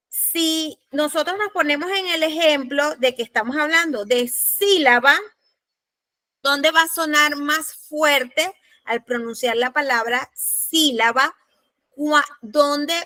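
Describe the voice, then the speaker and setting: High, bright-voiced woman teaching slowly. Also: no room sound. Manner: patient, spells out examples slowly. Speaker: law course instructor. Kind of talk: lecturing on spelling rules. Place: classroom or online class.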